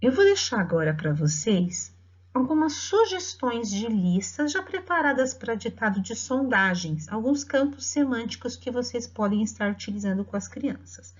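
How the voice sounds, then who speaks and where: Lively-voiced Brazilian woman teacher. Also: on the high side. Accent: Brazilian Portuguese. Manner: patient, explanatory, dictates words slowly. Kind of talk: instructional talk to parents. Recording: dull lo-fi audio.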